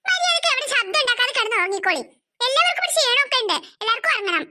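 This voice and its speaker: A woman voicing a fed-up cartoon mother, nagging the children in a sharp-tongued way. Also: very high voice, very animated, racing, noisy background. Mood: scolding. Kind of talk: cartoon voice acting.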